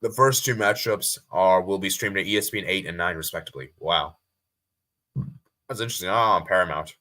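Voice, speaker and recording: An American live-streamer from the USA talks casually and fairly quickly in a deep voice with a bright, forceful edge. He rambles loosely, repeats phrases, and reads viewer comments aloud along the way.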